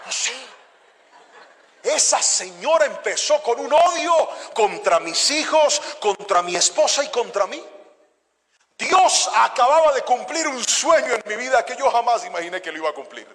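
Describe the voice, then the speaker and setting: A middle-aged man preaches a sermon in a high, bright voice. He drops to hushed storytelling and then rises to loud exhortation. His voice rings with the long reverb of a large church hall. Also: big pitch swings, moderate pace.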